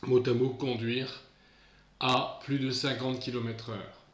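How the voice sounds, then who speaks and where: Male teacher, mid-pitched, patient and repetitive; a dull, roomy recording. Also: flat delivery, slow pace. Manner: patient, repetitive explaining with restarts. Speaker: English teacher. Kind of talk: recorded remote lesson.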